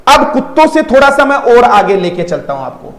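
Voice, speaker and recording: A man's voice: very high voice, big pitch swings, brisk, fairly bright tone, roomy sound. A man teaching an online vocabulary lesson, repeating words in drills and coaxing his students to answer. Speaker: English teacher.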